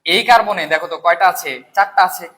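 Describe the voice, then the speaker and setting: A man teaching chemistry, his voice bright and fairly high for a man. He asks his students questions, then answers them himself and counts step by step. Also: brisk. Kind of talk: recorded lecture, question-and-answer drilling.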